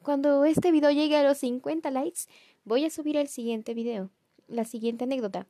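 A woman's voice: sits high, normal speed, warm tone, no echo, studio quality. Giggly young Mexican woman vlogging. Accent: Mexican Spanish. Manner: chatty, self-mocking, giggly. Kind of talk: casual storytelling vlog.

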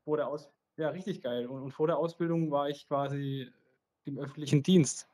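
A man's voice: on the high side, fairly even intonation, moderate pace, darkish tone. A man speaking as a guest on a phone call, answering in loose, chatty short replies. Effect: heard over a phone line. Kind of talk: casual chat. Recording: distant phone-call audio.

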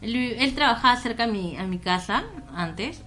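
Bright-voiced woman telling a story. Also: medium pitch, expressive, moderate pace, faint music behind. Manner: candid, self-mocking, laughs often. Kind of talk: casual chat, telling a personal story.

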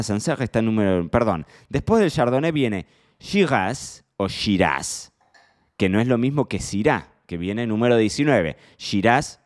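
This podcast host is a man with a lowish, darkish voice and an Argentine Spanish accent. Running a casual solo show, he chats playfully, pokes fun at his own slip-ups, and plays around with exaggerated pronunciations.

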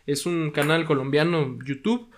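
A man's voice: a little high, normal speed. A young man co-hosting a casual true-crime podcast, rambling and hesitant with casual swearing. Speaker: podcast co-host.

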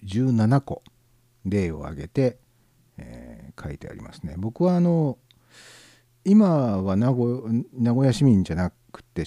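A man from southern Gifu, Japan, with a Gifu-Nagoya accent, hosting a casual internet radio show alone in a relaxed, musing way, with many fillers. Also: lowish voice, dry recording. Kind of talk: casual solo chat.

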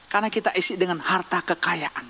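A man preaching a sermon in a lively, conversational way, teasing the congregation with questions. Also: high-pitched, fairly quick, slight background noise. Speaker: pastor. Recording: long hall reverb.

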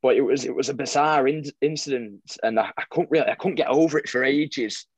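Quick-talking young man. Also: medium pitch, husky, no room sound. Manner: rambling storyteller with many restarts and fillers. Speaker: football fan vlogger, guest. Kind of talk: casual podcast chat.

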